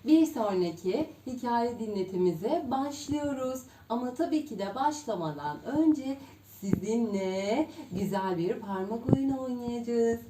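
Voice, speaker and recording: A woman's voice: a little high, expressive, measured pace, distant mic, noisy background. A woman preschool teacher telling a story and leading a finger game for small children, in a sing-song manner. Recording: roomy echo.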